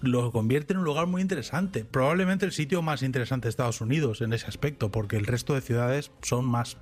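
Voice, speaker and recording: In casual podcast chat, a Spanish man who co-hosts the show tells stories in a rambling, lively way, often starting over mid-thought. He speaks fairly quickly at a medium pitch.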